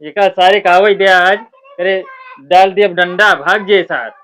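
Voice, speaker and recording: A man with an Awadhi accent playing a gruff, exasperated old father-in-law in a village comedy sketch. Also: high voice, steady tone, a little slow, a bit bright. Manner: grumbling, scolding. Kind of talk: rural comedy sketch acting.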